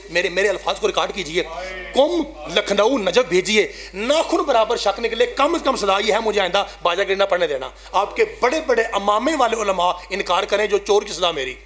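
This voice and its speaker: A man, a zakir giving an emotional mourning recitation, rising to loud high cries and sinking to hushed near-whispers while urging the audience on. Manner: addresses the audience directly, urging them to weep.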